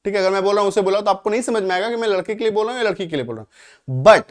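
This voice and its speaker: A man teaching English vocabulary in a Hindi-medium lesson, explaining patiently, repeating examples and often checking that students follow. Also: high-pitched. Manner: explanatory, repeats phrases, checks with "clear hai?"; spells out English examples slowly.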